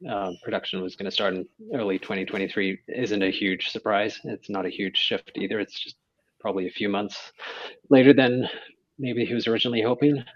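A man on a casual podcast panel, talking hesitantly with many ums. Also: on the low side. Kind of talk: casual group chat. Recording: dull lo-fi audio.

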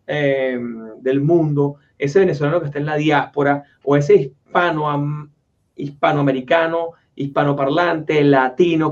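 A man hosts a relaxed interview, his voice sitting a little high for a man. He rambles, restarting sentences and filling gaps as he goes. The sound is dull and lo-fi. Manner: rambling, with many restarts and fillers. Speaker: interview host. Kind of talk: casual conversational interview. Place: home office in Florida. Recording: dull lo-fi audio.

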